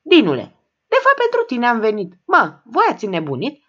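A woman doing a blustering, explosive loudmouth man. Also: fairly high pitch, huge pitch swings, voice pushed up, full character voice. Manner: explosive, shouty bursts. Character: loud blustering middle-aged man, pushy and excitable. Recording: dull lo-fi sound.

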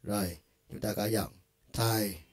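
A man's voice: fairly low pitch, steady tone, takes it slowly, no room sound, clean studio sound. A man giving a casual instructional demo of a keyboard's vocal effects, talking loosely with many fillers. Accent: Vietnamese. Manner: loose and conversational, with frequent filler words. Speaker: music store product demonstrator.

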